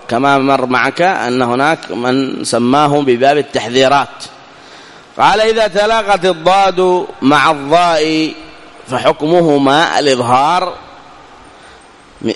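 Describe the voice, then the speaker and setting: Man, recitation teacher, slightly high voice, asks and answers himself, long hall echo. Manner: explains step by step, asks and answers his own questions; slows down to recite and stretch example words. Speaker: tajweed teacher. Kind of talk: recorded lesson explaining a poem.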